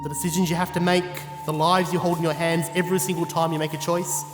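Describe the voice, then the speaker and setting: An actor playing a gallant living scarecrow in an audio drama, earnest, fretful and emphatic. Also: male voice, on the high side, level tone, quick pace, reverberant, long reverb tail, over music, natural voice. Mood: reflective.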